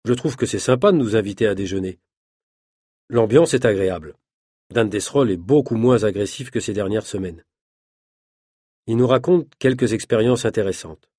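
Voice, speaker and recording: A man narrating an easy-reader story aloud in a measured, clearly articulated manner. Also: lowish voice, dark tone, no echo, studio quality. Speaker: audiobook narrator. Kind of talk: reading an easy French story.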